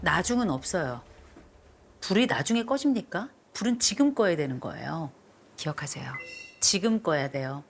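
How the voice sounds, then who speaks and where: A woman's voice: low-pitched, sing-song, normal speed, vocal fry, breathy edge, soft background music. A middle-aged woman counseling a couple on television, stern and lecturing, repeating her instructions firmly. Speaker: marriage counselor. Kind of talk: blunt counseling session on TV.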